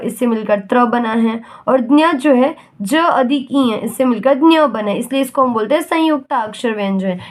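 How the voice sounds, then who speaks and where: A woman teaching a lesson, explaining patiently and checking in often, reciting letters slowly one by one. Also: high-pitched. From India. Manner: patient, repeats "ठीक है?" to check understanding. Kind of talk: classroom-style lesson explanation.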